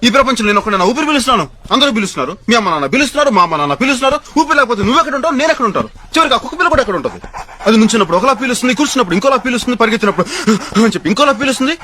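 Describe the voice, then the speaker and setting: A man with a very high voice rattles off an exaggerated, repetitive comic rant. His pitch swoops widely and his tone is bright. He speaks at a rapid clip. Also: big pitch swings, slight background noise.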